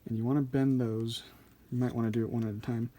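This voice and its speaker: Mellow-voiced man giving a casual tutorial. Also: mid-range voice, little pitch movement, quick pace. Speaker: card trick instructor.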